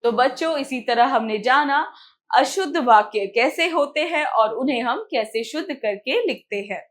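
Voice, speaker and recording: A woman's voice: sits high, lively intonation, moderate pace. A woman teaching a grammar lesson to young children, explaining step by step.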